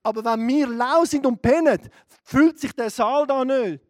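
A middle-aged man with a Swiss German accent preaching a fervent sermon, dropping to a hush and rising to shouts. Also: very high voice, unhurried, no room sound, clean studio sound. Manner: fervent, swings from hushed to shouting.

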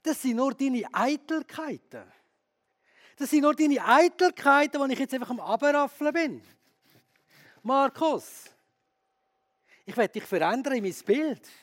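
A man voicing Jesus as a calm, firm man who corrects a self-pitying follower. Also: very high voice, unhurried, long pauses, voice pushed up. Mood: firm, correcting.

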